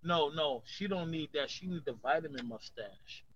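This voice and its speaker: High-voiced man, heated and profane. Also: animated, moderate pace, highs cut off, crowd noise. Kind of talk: casual chat.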